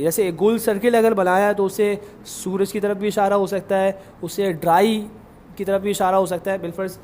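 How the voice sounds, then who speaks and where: A male Urdu lecturer with a Pakistani accent explaining a poem to a class, reciting verses slowly and quizzing students with questions. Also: high voice, darkish tone, a little hiss or hum.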